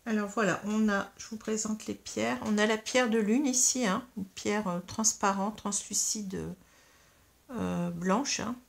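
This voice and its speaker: A woman with a mid-range, creaky voice leads viewers through a tarot card reading. She is soft, calm, and instructive, though she often hesitates, uses fillers, and restarts her sentences.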